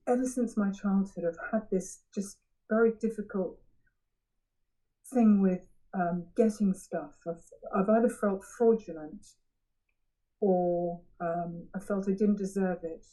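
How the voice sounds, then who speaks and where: Woman, recovery meeting share, candid, halting restarts, mellow tone, mid pitch. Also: low-quality recording. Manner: halting, searching for words with frequent restarts; frank and self-examining. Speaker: member sharing at a recovery meeting. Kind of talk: personal share, candid reflection.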